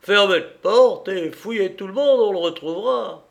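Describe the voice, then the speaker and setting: Man doing a loud drunken reveler. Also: high-pitched, moderate pace, creaky, voice pushed up. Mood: drunken bluster. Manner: boisterous, raised and tipsy declamation. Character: loud drunken male reveler hunting his glass.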